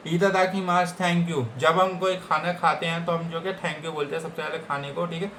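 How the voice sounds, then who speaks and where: A man's voice: fairly high pitch, flat delivery, normal speed, fairly bright tone, a little hiss or hum. A man with an Indian accent teaching Japanese vocabulary in a casual lesson, repeating each word and checking in with his listeners. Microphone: computer setup.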